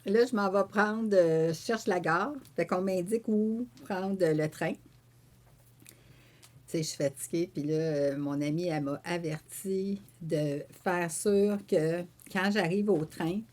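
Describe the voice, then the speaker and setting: A woman with a Québécois French accent, a painter and author telling a story in an interview. She acts out her own quoted remarks and fills pauses with "euh" and "tu sais.". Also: on the low side. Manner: animated storyteller who voices her own quoted remarks, with frequent fillers. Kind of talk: conversational storytelling.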